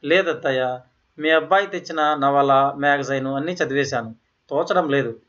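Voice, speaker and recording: A man's voice: mid-range voice, normal speed, fairly bright tone, natural voice. A man voicing a young newlywed woman who speaks politely and eagerly to her mother-in-law in an audio story. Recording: slightly dull, lo-fi audio.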